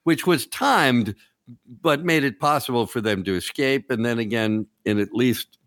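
A man hosting a podcast, chatting in an animated, enthusiastic, joking way. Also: mid-range voice, moderate pace, no echo, studio quality. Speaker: podcast host. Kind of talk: casual chat.

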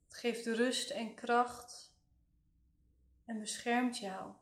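A woman leading a guided relaxation meditation in a soothing, gentle way, leaving long pauses. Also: a little high, fairly even intonation. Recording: roomy, echoing voice recording.

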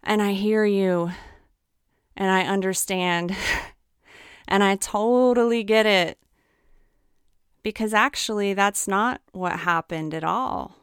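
A woman's voice: fairly low pitch, vocal fry, fairly bright tone, clear, resonant tone, no room sound. A woman nutritionist telling a personal story in an earnest, candid way, close to the mic. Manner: earnest, candid, emphatic at times. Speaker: nutritionist sharing her story.

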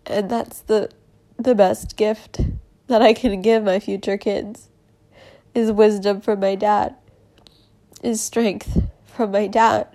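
A young woman speaking in an emotional personal monologue, halting with many fillers and laughing through tears. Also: mid-range voice, level tone, mellow.

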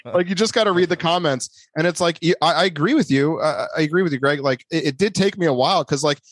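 A man's voice: on the high side, fast, no echo. A man co-hosting a podcast in casual chat, rambling with lots of fillers and restarts. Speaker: podcast co-host.

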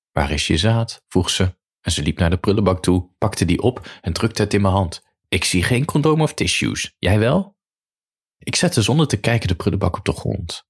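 A man's voice: deep voice, breathy edge. A man narrating a first-person story in a dry, matter-of-fact way.

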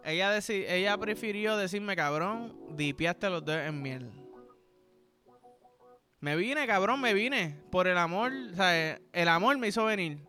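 A man's voice: sits high, expressive, measured pace, bright, forceful tone, soft background music. A man with a Puerto Rican accent hosting a podcast, telling crude comic stories in a rambling, vulgar way and acting out the people in them. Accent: Puerto Rican Spanish. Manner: vulgar, rambling, acts out voices in his stories. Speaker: podcast host. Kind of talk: crude comedic storytelling monologue.

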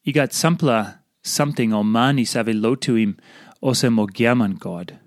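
A man's voice: mid-range voice, normal speed, no room sound, clean studio sound. A man with a Papua New Guinean accent reading a scripted devotional. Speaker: devotional reader.

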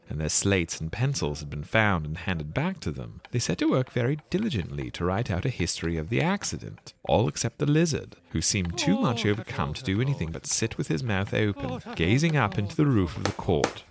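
A man narrating a storybook with expressive, theatrical storytelling. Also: sits low, a little fast, creaky, hardly any pauses. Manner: expressive storytelling, wide swings. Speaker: audiobook narrator. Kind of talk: scripted narration.

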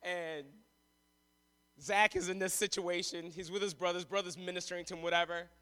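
Male preacher, very high and bright, dramatic storyteller who ramps up to shouting. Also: steady tone, a little fast, smooth. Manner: dramatic retelling, acts out voices; preaches with rising intensity and shouts. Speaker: pastor. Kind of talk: sermon.

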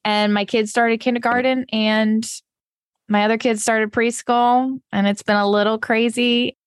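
A woman's voice: a little high, little pitch movement, measured pace, no echo, studio quality. A woman, around her thirties, co-hosting a podcast in a casual, conversational way. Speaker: podcast co-host. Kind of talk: casual chat.

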